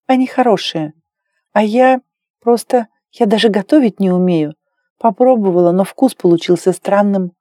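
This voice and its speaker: A woman's voice: mid-range voice, moderate pace, dark tone, no echo, natural voice. A woman voicing an insecure, self-mocking young ex-warrior woman in an audiobook, close to her own reading voice. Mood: self-deprecating.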